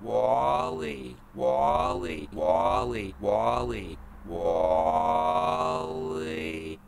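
A man's voice sample run through a metallic granular synth filter to sound like a small robot repeating its name, with a gravelly tone and warbling pitch. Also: extremely slow, heavily acted. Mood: chirpy.

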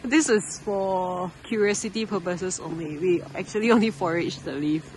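A woman's voice: on the low side, normal speed, darkish tone, slight background noise, poor audio. Chatty young woman vlogging outdoors. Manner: chatty, explaining as she walks. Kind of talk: casual outdoor vlog. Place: woodland by a stream, outdoors. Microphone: camera held at arm's length.

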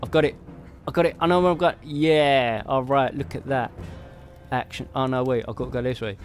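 A man gives relaxed commentary while he plays a game. His voice sits at a middle pitch, and he chats, laughs and mutters to himself as he goes. Quiet game music plays underneath. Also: brisk. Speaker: gamer playing solo. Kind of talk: casual gameplay commentary. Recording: game music playing faintly behind. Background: faint game music.

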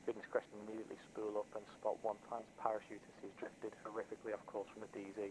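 A man giving brisk taskings over a crackly military radio in a game, as a commander. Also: on the low side, monotone, a crowd in the background. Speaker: military sim ground commander. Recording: radio voice with faint noise.

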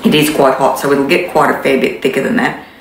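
A woman's voice: a bass voice, steady tone, gravelly. A woman in her sixties with an Australian accent, casually demonstrating a recipe in her home kitchen with lots of ums. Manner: chatty, unhurried, many ums and restarts. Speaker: cooking demonstrator. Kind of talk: casual cooking demo. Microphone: camera in front, mid distance. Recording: echoey kitchen, faint background noise.

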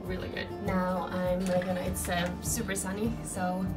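Speaking at normal speed in a lowish, monotone voice, a young adult vlogger records a casual travel vlog on a sailing boat, in the cabin and on the open deck. She's upbeat and full of fillers, her phone held at arm's length while music plays underneath.

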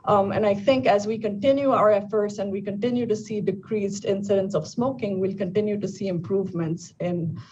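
This is a lung cancer oncologist, a woman in her thirties, doing a live news interview over video call and explaining in a measured manner with frequent ums. She has a medium-pitched, warm voice with fairly even intonation. The recording from her bright indoor room, at home or the office, is distant and dull, with faint room noise.

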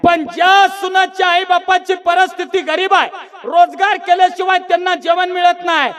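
A man performing a comic folk sermon on stage, shouting and teasing the audience into calling back. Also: very high voice, fairly even intonation, moderate pace. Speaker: bharud performer.

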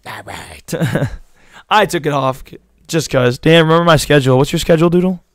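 A young male streamer with a somewhat high, smooth, clear voice that sounds a bit worn out rambles loosely in slang straight to his chat. He's expressive and talks at normal speed. The sound is close and dry with no room around it, a casual live-stream chat.

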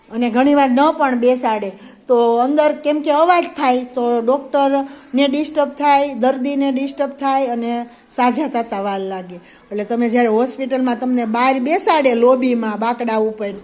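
A woman's voice: high-pitched, darkish tone. A woman teaching a preschool class, asking the children questions and praising their answers. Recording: faint background noise.

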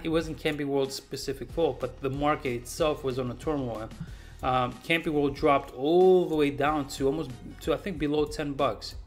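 Chatty emphatic man in his forties. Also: fairly high pitch. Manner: chatty, emphatic, repeats himself for stress. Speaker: stock market YouTuber. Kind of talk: casual stock analysis commentary. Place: small room indoors.

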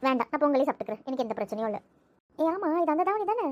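A woman's voice: sits high, big pitch swings, racing, dull audio. A woman playing a gossipy chatty young woman. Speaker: voice actor in audio drama. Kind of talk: amateur audio drama acting.

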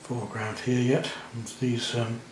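A man, gently talking through a watercolour demonstration as he paints, thinking aloud in a chatty way. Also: medium pitch, level tone, unhurried, reverberant, a little hiss or hum. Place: indoor studio at the easel.

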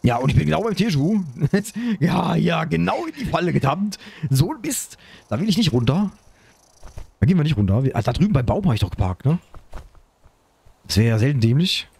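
A man commenting on his own survival game play, excitable, talking to himself and his viewers. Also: a little high, fairly quick, vocal fry, breathy edge. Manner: excitable, talks to himself and viewers, frequent exclamations. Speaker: gaming YouTuber.

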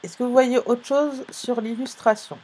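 A woman teaching a phonics lesson to young pupils over a live online class, speaking slowly and clearly, spelling out sounds and letters with patience. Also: a little high, fairly even intonation, mellow.

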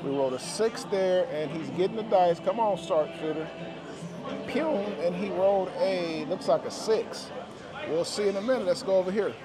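This gambling vlogger speaks in a high-pitched voice at normal speed, giving viewers relaxed, slang-heavy play-by-play as he bets. Music and crowd noise from the busy indoor casino floor surround him, and he often repeats numbers and phrases.

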